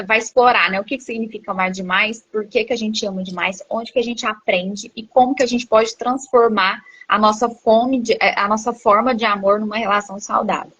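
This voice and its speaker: Brazilian woman psychologist, bright and a bit husky, on a dull lo-fi live stream with a dry sound; explanatory, leans on rhetorical questions. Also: on the high side, no echo. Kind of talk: live book-study talk.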